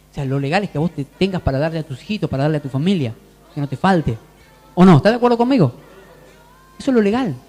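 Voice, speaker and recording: A man's voice: a little high, mellow. A man with a Rioplatense Spanish accent preaching a sermon in church, calling out to the congregation for amens and agreement. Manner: call-and-response preaching, asks the congregation for amens. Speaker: pastor. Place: church hall. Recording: long hall reverb, faint music.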